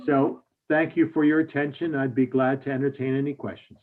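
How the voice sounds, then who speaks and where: A man's voice: medium pitch, level tone. Formal man on a tinny call. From Hungary. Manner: measured, formal, with small restarts. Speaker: state representative, bill sponsor. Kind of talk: committee testimony over video call. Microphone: video call. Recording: tinny phone-like audio.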